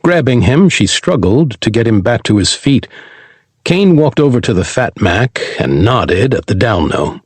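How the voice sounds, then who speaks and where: A man reading a sci-fi audiobook aloud in an animated, dramatic way. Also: medium pitch, measured pace, breathy edge, no room sound. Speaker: audiobook narrator. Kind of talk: scripted audiobook narration.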